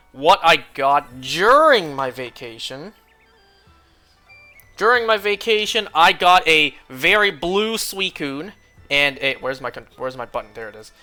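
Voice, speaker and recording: A young man streams a game while chatting casually and rambling, often clearing his throat because he's losing his voice. His voice is on the high side, bright, and forceful.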